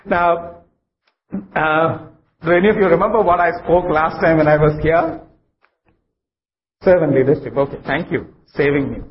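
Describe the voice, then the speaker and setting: A South Indian man with a higher-pitched voice preaches a sermon as a guest preacher at a church service. He speaks South Indian English haltingly and repeats phrases for emphasis. The live recording is muffled and noisy.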